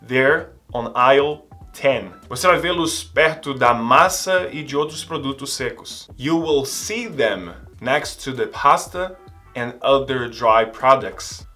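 A man teaching English, slowly repeating model phrases for learners. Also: medium pitch, bright, forceful tone. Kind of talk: language lesson, slow model phrases.

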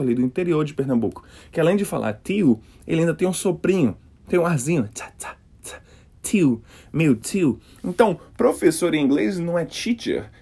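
A man from Brasília with a Brasília Portuguese accent, an English teacher giving an energetic podcast pronunciation lesson and acting out the sounds he teaches. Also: on the high side, gravelly, breathy edge. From Brasília, Brazil. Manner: energetic, demonstrative, exaggerates sounds.

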